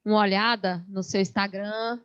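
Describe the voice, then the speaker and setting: A woman's voice: medium pitch, fairly even intonation, moderate pace, clean tone, lo-fi sound. A woman with a Brazilian accent hosting a panel, chatty and praising her guest. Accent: Brazilian Portuguese. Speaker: panel host. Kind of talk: panel discussion.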